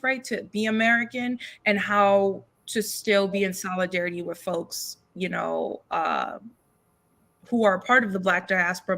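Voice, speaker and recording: Bright-voiced woman poet, earnest. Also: medium pitch. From New York. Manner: earnest, thinks aloud with restarts and tag questions. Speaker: poet and musician, guest. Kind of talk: livestream book conversation.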